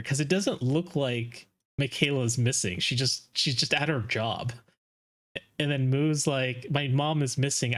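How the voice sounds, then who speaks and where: Guy streamer chatting casually over game trailers, mid-pitched voice. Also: fairly bright tone. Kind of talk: casual live commentary.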